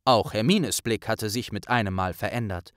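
A man narrating a fan-made fantasy audiobook in an expressive, animated reading. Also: on the low side, moderate pace, no room sound, clean studio sound. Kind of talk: storytelling narration of a fan fiction.

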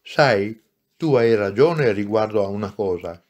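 Wise kind soul, low and calm, grave and patient, guy doing the voice in a storybook. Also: measured pace, lo-fi sound. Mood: gentle. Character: gentle wise friendly soul, male, patient.

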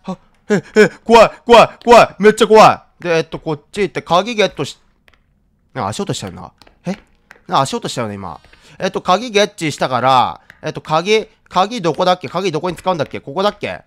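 A man with a high, widely swinging voice commentates a horror game as he plays. He is easily frightened, prone to crying out loudly, and repeats short phrases in an excited way. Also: fast. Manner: easily scared, crying out in loud screams. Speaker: gaming video host.

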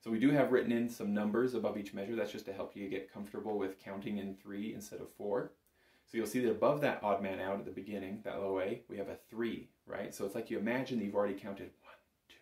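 In a small music room hung with instruments, a middle-aged bagpipe instructor with a low-leaning voice teaches informally to camera, explaining as he goes and frequently asking "right?". The recording is from a phone a short distance away and carries a roomy echo.

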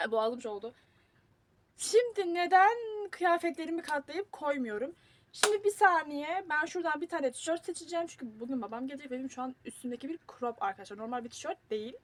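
A woman's voice: high voice, lively intonation, brisk, slight background noise. A young woman, rambling and teasing herself as she films a casual packing vlog. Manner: chatty, rambling, self-mocking. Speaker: vlogger.

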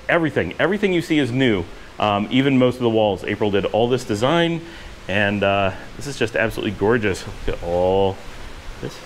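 A man's voice: medium pitch, slight background noise. Rambling man on a walking house tour. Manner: enthusiastic, rambling with fillers. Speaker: vlogger. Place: indoor and outdoor rooms of a house with courtyard pool. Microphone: handheld action camera at arm's length.

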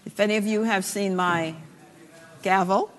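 A woman's voice: mid-range voice, steady tone, unhurried. A woman presiding in a legislative chamber, making formal remarks with a dry, wry manner. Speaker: senate presiding officer. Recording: long reverb of a large chamber.

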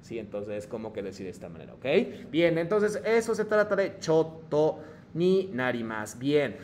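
Hombre que enseña japonés en español. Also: male voice, fairly high pitch, very animated, normal speed, darkish tone, a little hiss or hum. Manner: explanatory, checks in with "¿sí?" and "¿ok?"; mixes Japanese phrases into Spanish. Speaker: Japanese teacher. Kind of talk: online language lesson.

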